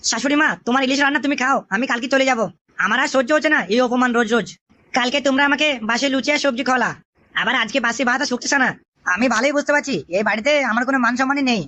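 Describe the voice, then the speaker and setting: A woman voicing a hot-tempered, foul-mouthed young male son-in-law in a cartoon, grumbling and cursing rapidly. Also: high voice, steady tone, sharp tone. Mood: complaining. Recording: dull lo-fi audio.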